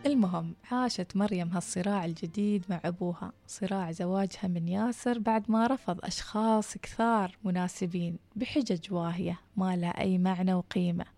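A woman with a Gulf Arabic accent narrating a true-life story, reading it aloud with a calm, even delivery. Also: lowish voice, brisk, few pauses, no echo. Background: soft background music.

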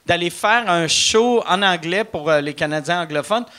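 A man's voice: high voice, moderate pace. A man with a Quebec French accent hosting a live podcast, joking and talking over his guests. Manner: animated, joking, talks over others. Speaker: podcast host. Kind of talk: casual live podcast chat. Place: live show in a bar venue.

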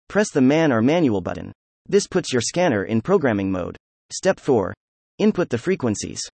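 This is a scripted reading of a how-to guide by a computer-generated male narrator. He keeps a steady teaching tone while his pitch jumps around a great deal, and the dry recording has no echo or room sound.

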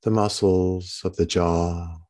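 A man leading a guided body-scan meditation as a gentle, soothing bedtime narrator, leaving long pauses between phrases. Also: sits low, little pitch movement.

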